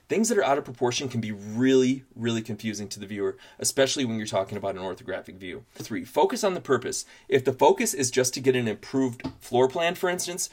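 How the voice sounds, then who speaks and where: A man narrating a scripted advice vlog in an upbeat, tidy, emphatic and informal way, laying out points like a tutorial host. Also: medium pitch. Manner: informal, plain-spoken.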